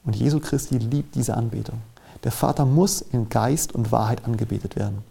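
A man preaching a sermon in German, reading Bible verses aloud with earnest, measured emphasis. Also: mid-range voice, vocal fry, dark tone, slightly rough.

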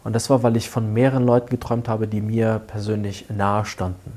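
A man tells a personal story in an earnest, unhurried way, often trailing off into hushed asides and restarting his sentences. His voice is mellow and somewhat husky, with a soft, slightly breathy edge. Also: lowish voice, little pitch movement. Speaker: guest telling a personal story. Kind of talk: casual spoken storytelling.

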